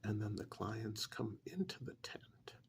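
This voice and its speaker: In a soft-spoken ASMR role-play, a man plays a polite, attentive and earnest tax accountant who is flustered, hesitant and apologetic, often repeating himself. His whispery voice is on the low side, expressive and a little slow, with vocal fry.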